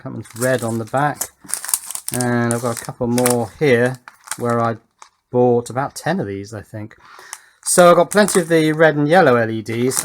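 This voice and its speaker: A man who hosts an electronics build channel gives casual, hands-on workbench commentary at work. He's unscripted, medium-pitched and thinking aloud as he works.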